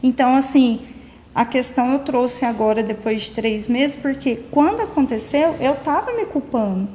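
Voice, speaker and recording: A woman's voice: sits high, lively intonation, moderate pace, mellow, a little hiss or hum. A middle-aged woman, being interviewed and telling her story with emotion while acting out the dialogue. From Minas Gerais, Brazil. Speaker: interviewee, beautician. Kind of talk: personal account in an interview. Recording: reverberant room, faint background ambience.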